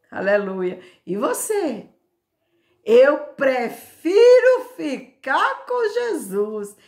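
Speaking straight to her camera, a grandmother who preaches from home on YouTube gives a fervent, informal devotional with a Brazilian Portuguese accent. She stretches out emphatic repetitions and calls out praise in a creaky, mid-range voice.

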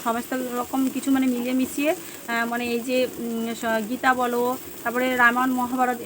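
Chatty Bengali housewife vlogging at home. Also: female voice, a little high, background noise. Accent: Bengali (West Bengal). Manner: chatty, rambling, many fillers. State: hoarse, throat going. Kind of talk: casual vlog chat to viewers.

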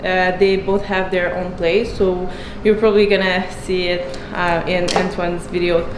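A chatty young woman, a fitness athlete, records a casual vlog with training tips in her home garage gym and kitchen, using hesitant fillers and light laughs. Her voice sits on the low side with little pitch movement and a measured pace. The roomy garage carries hip hop music and background noise.

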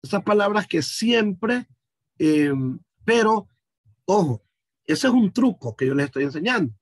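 A man's voice: sits high, lively intonation, unhurried, slightly rough, no room sound. A man from Honduras teaching an online class over a video call, explaining patiently and speaking directly to his students.

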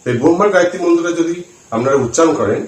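A man giving a slow, deliberate lesson on chanting, counting aloud as he shows the finger positions. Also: a little high, expressive. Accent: Bengali. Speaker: spiritual teacher. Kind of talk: instructional talk to camera. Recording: roomy echo, voice from some distance.

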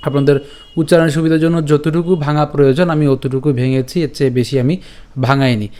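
A man teaching scripture pronunciation, breaking words into syllables and chanting the verse slowly, often checking in with listeners. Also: fairly high pitch, steady tone, warm tone, clean tone. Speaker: Gita recitation teacher. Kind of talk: slow step-by-step pronunciation lesson.

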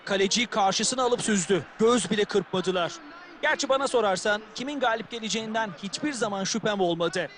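A high-pitched man analyses a football match as co-commentator. His remarks come over faint background noise, in the style of sports game commentary. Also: a little fast, a bit bright.

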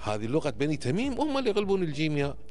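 With a fairly high, wildly swooping pitch and a slightly mellow tone, a Kuwaiti man in his fifties fires off explanations at rapid speed as a podcast guest. Like an insistent teacher, he keeps checking that his listener is following. The indoor studio setup uses a close microphone on a boom arm, and soft music plays in the background.

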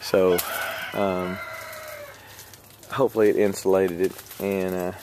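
Slow-talking man rambling through his garden. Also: low voice, flat delivery, a little mellow, a little hiss or hum. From Texas. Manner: rambling, hesitant, many fillers, chuckles often. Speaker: vlogger. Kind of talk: casual garden walkthrough. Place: outdoors in a garden. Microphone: handheld camera.

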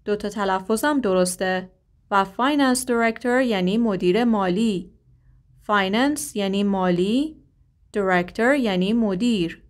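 Woman teacher drilling slow model phrases. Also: mid-range voice. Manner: quick explaining, slow careful model phrases. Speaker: English teacher. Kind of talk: language lesson.

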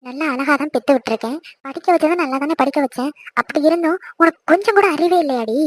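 A woman voicing a scheming middle-aged aunt in an animated cartoon, who talks in a sharp, bossy, scolding way. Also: sits high, fast, dry recording, lightly acted.

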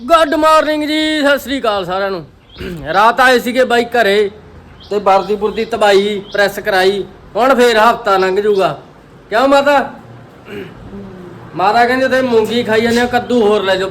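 A man with a high voice and a Punjabi accent chats casually for a vlog, in colloquial, bantering talk. Faint background noise sits behind him. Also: a bit bright. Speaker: vlogger. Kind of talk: casual vlog chat with roommates.

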